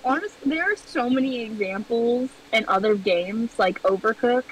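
A woman's voice: a little high, far from the mic, rough recording. A woman playing a game with a friend on stream, chatting casually and laughing often. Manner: slow and giggly, laughs often. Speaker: co-player on a stream. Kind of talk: casual gaming chat.

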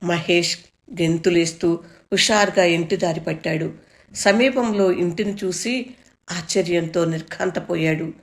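A woman with a lowish voice tells a story aloud. She reads in a measured, expressive way, letting each line land. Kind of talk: storytelling narration.

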